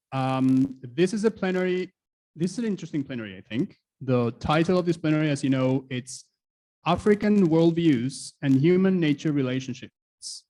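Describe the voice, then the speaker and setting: A man's voice: on the high side, warm tone, low-quality recording. A man moderating a conference panel, opening it in a casual, hesitant way with frequent ums. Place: conference hall.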